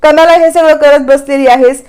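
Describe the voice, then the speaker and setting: A stern, domineering mother-in-law snaps orders in a raised, higher voice, as a woman storyteller puts her on. Her tone is bossy and scolding, with sharp little lifts. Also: steady tone, moderate pace, close to an everyday voice.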